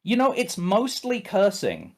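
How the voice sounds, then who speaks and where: A man's voice: high voice, huge pitch swings, measured pace. A man running a tabletop game as game master, narrating off the cuff in a casual, emphatic way with plenty of swearing.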